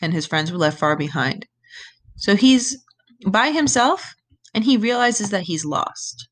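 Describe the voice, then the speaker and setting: A woman teaching a recorded lesson, reading a myth aloud and explaining it step by step. She keeps checking in with her students and gives the quoted lines an animated voice. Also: mid-range voice, measured pace.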